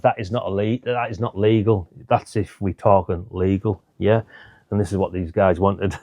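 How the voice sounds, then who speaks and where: A middle-aged British man with a low, mellow voice gives a casual, chatty product rundown as a hobbyist reviewer. He thinks aloud informally, and the recording is dry.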